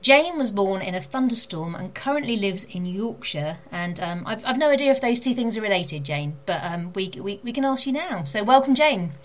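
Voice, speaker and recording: A woman's voice: medium pitch, animated, normal speed, hardly any pauses. A woman author hosting her own show, chatting casually with lots of ums before interviewing a guest. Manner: chatty, warm-hearted enthusiasm with many fillers. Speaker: podcast host and author.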